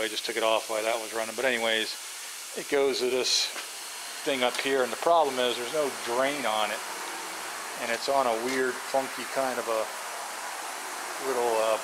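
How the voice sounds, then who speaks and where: Rambling man with noisy camera audio. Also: medium pitch. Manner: rambling, practical, offhand with fillers. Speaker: pressure washing business owner. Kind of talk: casual how-to walkthrough. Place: inside a work trailer. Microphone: handheld camera mic, filming while walking.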